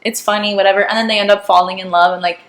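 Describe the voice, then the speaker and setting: A woman's voice: medium pitch, fairly even intonation, racing, a crowd in the background. A young woman co-hosting a podcast in casual chat, blunt and swearing freely, acting out quoted dialogue. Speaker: podcast co-host. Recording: roomy echo.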